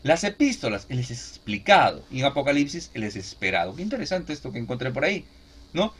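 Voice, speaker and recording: A man's voice: medium pitch, brisk, slightly rough. A man preaching a teaching sermon, often asking his listeners if they follow. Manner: animated, asks listeners "¿no?" and "¿de acuerdo?" often.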